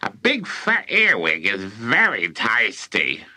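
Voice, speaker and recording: A man voicing a gloating, menacing old grandmother with a witchy streak, in a slow, relishing, creepy drawl. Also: fairly low pitch, wildly swooping pitch, bright, forceful tone, dry recording, exaggerated voice.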